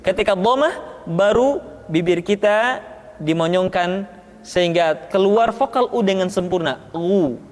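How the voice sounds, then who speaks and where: A woman teaching Quran recitation, explaining each letter slowly and drilling the syllables one by one with deliberate emphasis. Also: medium pitch, a little mellow, big-room sound. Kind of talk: recorded pronunciation lesson.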